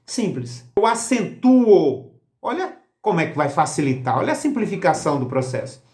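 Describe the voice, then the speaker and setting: A man's voice: on the high side, very animated, moderate pace, darkish tone. A man giving a grammar lesson for exam prep, emphatic and explanatory, asking rhetorical questions. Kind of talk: recorded lesson. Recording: roomy echo.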